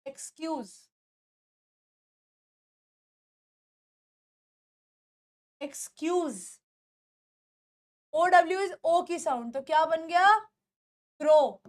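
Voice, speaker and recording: A woman's voice: very high-pitched, unhurried. A woman whose first language is Hindi, teaching English pronunciation in a classroom style, repeating words and asking her pupils questions.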